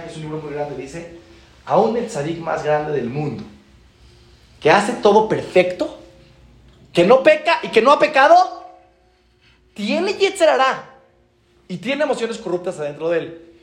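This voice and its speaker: A man, a rabbi giving a Torah class, acting out stories and repeating phrases for emphasis. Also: high-pitched. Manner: animated, acts out dialogues, repeats phrases for emphasis. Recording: roomy echo.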